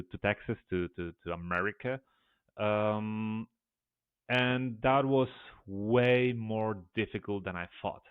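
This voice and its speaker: A man hosts an interview, stumbling over repeated words as he works toward his questions. His voice sits low. The line is tinny and phone-like, with a dry sound. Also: clean tone, no room sound. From Poland. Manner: stammering repeats, animated questioning. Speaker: podcast host. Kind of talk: casual interview conversation.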